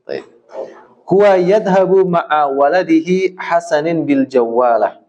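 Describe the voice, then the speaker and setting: A man teaching Arabic to a class, drilling questions and explaining words patiently, often ending phrases with a soft "ya". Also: a little high. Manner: slow, patient drilling with frequent "ya". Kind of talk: classroom Arabic lesson in Indonesian. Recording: roomy, slightly dull classroom sound.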